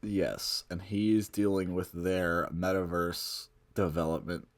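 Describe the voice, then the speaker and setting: A man's voice: deep voice, little pitch movement, slow pace. A young man chatting casually in a laid-back way, swearing now and then. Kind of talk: casual chat.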